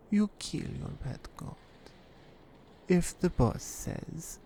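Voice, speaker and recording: A female performer plays a menacing woman from a Russian crime family, speaking in a low, mellow, gravelly voice with a Russian accent. Unhurried, controlled and seductive, she sounds cold and reminiscing in a heavily acted, intimate ASMR roleplay. Faint background noise sits behind her.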